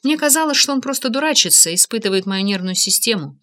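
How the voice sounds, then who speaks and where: Bright-voiced woman narrating an audiobook. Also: fairly high pitch, quick pace. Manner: steady, expressive reading. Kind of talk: scripted first-person narration.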